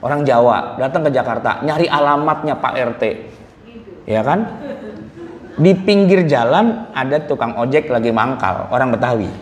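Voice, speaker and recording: A male preacher with a lively voice that climbs and dips freely as he jokes with his listeners. His talk is loose and conversational, and he often slips into acted voices for the people in his stories. It is recorded in a large mosque hall with a long, roomy echo and a faint hiss underneath. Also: mid-range voice, moderate pace. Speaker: Islamic preacher. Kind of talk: morning mosque study lecture.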